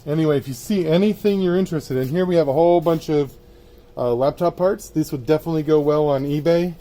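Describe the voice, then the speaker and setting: Higher-voiced mellow man touring a warehouse. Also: fast talker. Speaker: warehouse seller giving a stock tour. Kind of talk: casual walk-through sales tour, off the cuff. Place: indoors in a cluttered warehouse, walking.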